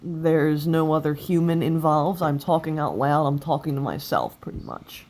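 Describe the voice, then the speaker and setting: Halting young woman with a slight stutter. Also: low voice, a little mellow. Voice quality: occasional stutter. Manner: halting, broken-up phrases with pauses. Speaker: person sharing experience of stuttering in a video. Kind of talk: personal confessional talk. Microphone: cell phone. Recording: noisy cell phone recording.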